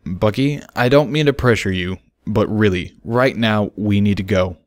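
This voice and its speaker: A man reading an audiobook of a fan story, voicing a gentle adult pegasus stallion who talks in a calm, low, soothing way. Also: moderate pace, no room sound, clean studio sound, lightly acted.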